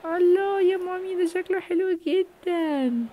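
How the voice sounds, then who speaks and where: A woman with an Egyptian Arabic accent voicing an excitable, fretful young girl in a toy play video, in a high, gushing voice. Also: moderate pace, narrow, tinny audio, slight background noise.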